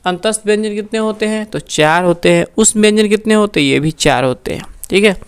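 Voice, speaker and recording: A woman teaching a grammar lesson, who poses each question and then answers it herself, repeating key terms slowly for her pupils. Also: mid-range voice, clean tone. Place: recorded for an online class.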